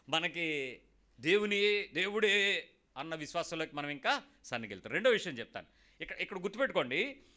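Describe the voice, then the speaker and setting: Brief: male preacher, fairly high and bright, lively sermon delivery with rhetorical questions and call-and-response. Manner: mixes in English phrases. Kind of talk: sermon to a congregation.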